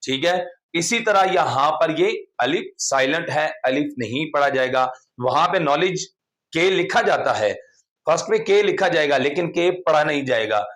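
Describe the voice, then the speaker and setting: Guy explaining quran reading slow and patient, kinda high pitched. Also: lively intonation, a bit bright. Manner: patient, repetitive explaining with frequent "theek hai". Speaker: Quran recitation teacher. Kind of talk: explanatory online lesson.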